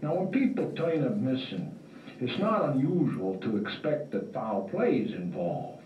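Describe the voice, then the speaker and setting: A man's voice: mid-range voice, sing-song, a little hiss or hum. A man playing a weary hardboiled noir detective. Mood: world-weary. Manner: drawling, slow, wry tough-guy delivery. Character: world-weary hardboiled male detective narrator. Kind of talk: film-noir voice-over narration. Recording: roomy, distant, dull lo-fi recording with faint music.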